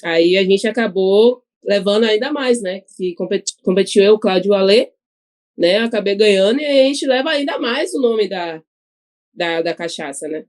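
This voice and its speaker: A chatty cachaça ambassador from Bahia, Brazil, guests on a podcast, laughing often and tagging her sentences with questions in a Bahian Portuguese accent. Her voice is medium-pitched, animated, a little mellow, and moderately paced.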